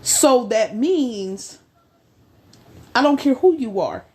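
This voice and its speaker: A woman co-hosting a podcast discussion, speaking emphatically with a preaching cadence and slow, stressed phrases. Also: fairly high pitch, big pitch swings, mellow. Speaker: podcast co-host.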